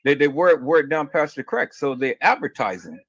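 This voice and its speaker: Man ranting crudely in a rambling monologue, voice on the high side, dry and close. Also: big pitch swings, brisk, fairly bright tone, no echo. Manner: crude, rambling, repeats words.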